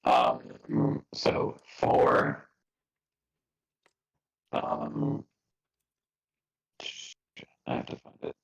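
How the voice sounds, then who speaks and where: A man's voice: extremely low pitch, very slow, creaky, pauses often, breathy edge, no echo, rough recording. Man on a glitching, dropping-out call. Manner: relaxed, hesitant with many fillers. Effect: glitchy voice call dropping out, robotic and broken up. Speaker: tabletop game player. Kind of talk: casual tabletop game talk. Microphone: online voice chat.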